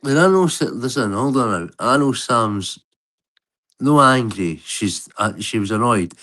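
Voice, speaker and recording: A Scottish man speaks in Glasgow street talk at an average pitch. He is blunt and swears often, arguing his side in a heated, unscripted live-stream dispute. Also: lively intonation, unhurried, a bit bright.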